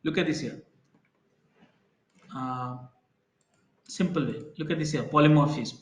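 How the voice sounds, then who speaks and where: A man's voice: a little high, unhurried. Man teaching programming in an echoey room. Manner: explains with everyday examples, asks students questions. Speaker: programming instructor. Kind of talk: live online class lecture.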